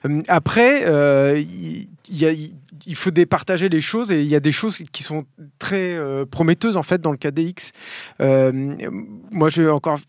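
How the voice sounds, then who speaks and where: A man's voice: on the high side, normal speed, no echo, studio quality. Thoughtful man on a panel. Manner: thoughtful, repeats himself, says "en fait" often. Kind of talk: casual roundtable chat.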